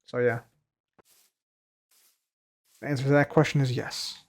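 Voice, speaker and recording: Here a man speaks at a medium pitch with little variation and a slightly slow pace, chatting casually on a live stream. Reading questions aloud from chat, he rambles through his answers with many fillers and repetitions, and his somewhat tired voice trails off quietly at the end of phrases.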